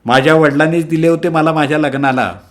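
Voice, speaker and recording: Shrill, quarrelsome middle-aged aunt, voiced by a man, high and forceful. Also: fairly even intonation, quick pace, close to an everyday voice. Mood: angry wailing. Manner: shrill, scolding. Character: loud tearful middle-aged aunt, quick-tempered.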